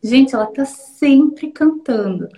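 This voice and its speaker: A woman's voice: sits high, lively intonation, slow, warm tone, low-quality recording. A woman educator from Brazil, explaining conversationally with examples during a live talk.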